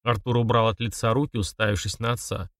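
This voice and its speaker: A man's voice: medium pitch, level tone, fast talker, a bit bright, no room sound, clean studio sound, far from the mic. Man narrating a thriller audiobook. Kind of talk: scripted narration.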